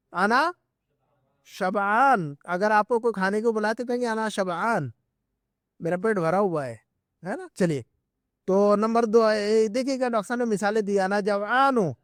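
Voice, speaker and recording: High-voiced man patiently teaching Arabic grammar. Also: fairly bright tone, no echo, studio quality. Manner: patient, repetitive explaining with frequent checks for understanding; spells out and drills Arabic words slowly. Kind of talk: classroom grammar lesson. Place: live class at an Islamic centre.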